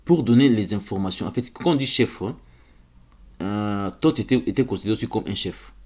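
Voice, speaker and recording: A man's voice: on the low side, animated, fairly quick, a little mellow. Hesitant man lecturing, many repeated words. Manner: hesitant, repeats words, often asks "vous voyez?"; insistent, stresses key words. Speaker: religious lecturer. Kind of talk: informal spoken lecture on word origins.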